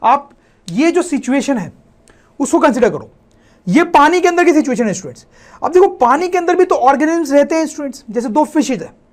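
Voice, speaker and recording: High-voiced man teaching science. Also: expressive, fairly quick. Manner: keeps addressing "students" and asks rhetorical questions; mixes English terms into Hindi explanation. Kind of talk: classroom lesson explaining over slides.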